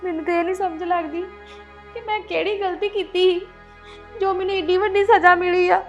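A woman playing a tearful young bride, very high voiced. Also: steady tone, moderate pace. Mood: pleading. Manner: pleading, tearful. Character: tearful young newlywed bride, wronged and pleading. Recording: dull lo-fi sound with music behind.

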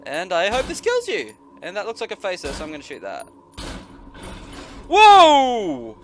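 Fast and high-pitched with huge pitch swings, his fairly bright voice has a little hiss or hum on it. It's casual, profane horror-game streaming over game music, packed with jumpy, frightened, sarcastic outbursts and curses.

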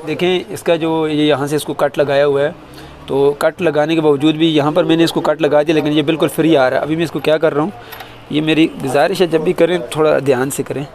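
A man's voice: on the high side, steady tone, brisk, a little mellow. A man with a Pakistani Urdu accent, working on an open car engine outdoors and earnestly explaining the repair step by step as a mechanic host. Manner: earnest, advising, points things out as he works. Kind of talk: hands-on repair tutorial. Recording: noisy outdoor engine bay. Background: engine running, street ambience.

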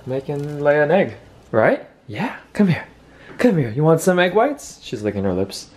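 A man's voice: on the high side, big pitch swings, moderate pace. A young man chatting playfully to the camera as he vlogs at home in the kitchen. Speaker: vlogger. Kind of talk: casual home vlog.

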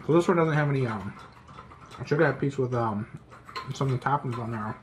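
Man talking with his mouth full. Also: medium pitch. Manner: rambling, halting with fillers. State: mouth full, hand over mouth. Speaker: home pizza reviewer. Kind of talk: casual food review vlog. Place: home kitchen. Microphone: phone camera. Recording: noisy home recording.

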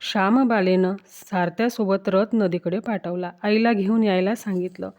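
A woman's voice: medium pitch, fairly even intonation, normal speed, darkish tone. A woman storyteller narrating a devotional folk tale in a rhythmic, rhyming recitation. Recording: dull lo-fi recording.

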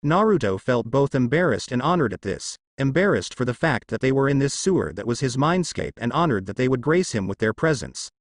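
A man's voice: mid-range voice, very animated, a little fast, hardly any pauses, no echo, clean studio sound. A man narrating a fan fiction story aloud in a descriptive storytelling manner.

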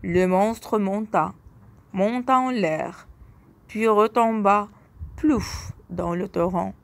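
A woman narrating a children's tale as a storyteller, slow and expressive. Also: mid-range voice, vocal fry.

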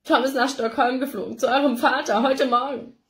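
A woman's voice: very high voice, animated, a little fast, pitched above the performer's own voice. A woman voicing a tearful, worried middle-aged mother who sobs and pleads in a raised voice.

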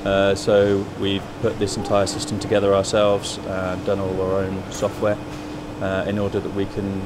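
Low, flat-voiced engineer in his 30s, halting and unscripted, noisy lab. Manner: hesitant, many fillers. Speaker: test engineer. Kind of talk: unscripted explanation. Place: electronics lab, indoors. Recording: factory noise behind.

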